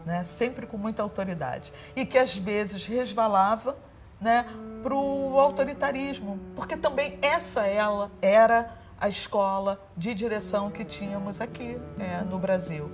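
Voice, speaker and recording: A woman in an interview, reflecting passionately and pausing to search for words. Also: medium pitch, music in the background.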